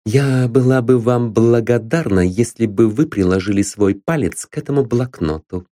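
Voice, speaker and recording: A man reading an audiobook, voicing a calm, cool-headed young woman detective who speaks softly and politely. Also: medium pitch, moderate pace, dry recording, close to an everyday voice. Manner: soft, calm and composed.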